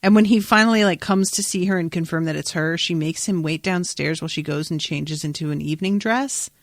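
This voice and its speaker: A woman hosts a casual, chatty podcast in a fairly low voice, speaking a little fast. She keeps things informal with playful, opinionated asides, and the studio sound is clean with no echo.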